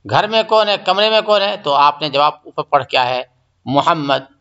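Male teacher, fairly high and bright voice, slow and patient, repeats every phrase; dull lo-fi recording. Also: expressive, clear, resonant tone. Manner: patient, repeats each phrase and explains step by step. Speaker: Arabic teacher. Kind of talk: recorded grammar lesson.

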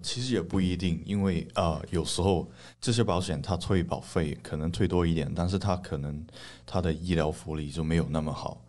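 A man's voice: low-pitched, a little fast, a little mellow. A man answering as a guest on a radio talk show, explaining in a conversational way.

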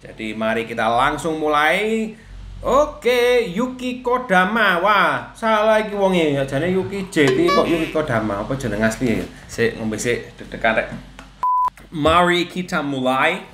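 A young man hosting a playful video-call chat, animated and teasing as he switches between languages. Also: on the high side, normal speed. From Australia. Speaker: YouTuber host. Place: home room with desk, indoors. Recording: echoey room with background noise.

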